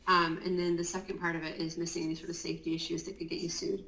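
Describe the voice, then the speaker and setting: A woman with a somewhat low voice, speaking in a chatty, explanatory way with plenty of fillers. She has a just-woken morning voice. Her voice carries a roomy echo. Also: little pitch movement, rapid-fire, gravelly, a bit bright. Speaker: guest, Amazon compliance consultant. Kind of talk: casual interview talk.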